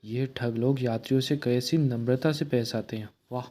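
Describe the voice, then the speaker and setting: A man reading a comic book aloud, narrating and voicing every character in a plain, steady way. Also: medium pitch, moderate pace.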